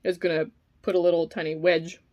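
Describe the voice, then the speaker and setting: A woman chatting casually and musing in a halting, informal way while eating, sometimes with her mouth full. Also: fairly low pitch, level tone, darkish tone. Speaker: vlogger eating on camera. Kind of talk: casual rambling opinion talk while eating.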